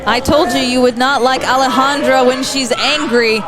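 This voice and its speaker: A woman's voice: high voice, fairly even intonation, moderate pace. A woman working as a wrestling commentator, giving reactive color commentary on the action. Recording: loud music and crowd behind. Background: wrestling crowd and music.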